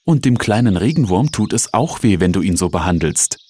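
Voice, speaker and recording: A man's voice: low voice, lively intonation, brisk, mellow, breathy edge. A man voicing a firm, scolding mother in a storybook reading, with a stern, raised voice. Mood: admonishing.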